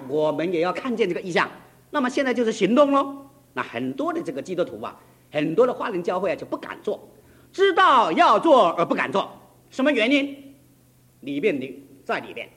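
Middle-aged guy preaching, high voice that jumps all over, gets urgent and emphatic. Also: big pitch swings, a little fast, fairly bright tone. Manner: emphatic storytelling preacher, rising to urgent peaks. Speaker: pastor. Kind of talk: sermon.

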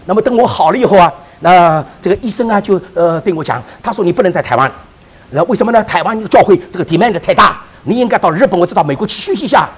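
A man preacher telling a testimony in a sermon, with animated storytelling and frequent restarts. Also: high voice, fast talker, breathy edge, rough recording.

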